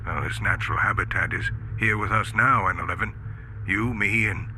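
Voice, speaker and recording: A man playing a kindly, hopeful rocket captain in a retro radio space adventure, gently commanding and a little wistful. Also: lowish voice, normal speed, a little hiss or hum. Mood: gentle, earnest. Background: music.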